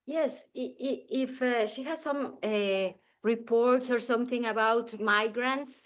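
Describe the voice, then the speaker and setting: A woman's voice: on the high side, unhurried. A woman journalist at a press briefing who asks questions hesitantly, searching for words.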